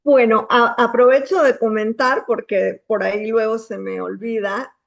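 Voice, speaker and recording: A woman author from Bolivia with a Bolivian Spanish accent, speaking in a reflective way, pausing and searching for words. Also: on the high side, steady tone, creaky, lo-fi sound. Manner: reflective, searching for words, many filler pauses. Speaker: guest author. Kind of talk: thoughtful conversation.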